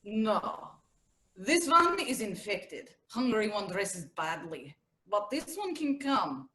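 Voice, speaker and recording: A woman voicing a blunt chupacabra creature who speaks in halting, broken sentences. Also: mid-range voice, very animated, bright, forceful tone, exaggerated voice, poor audio.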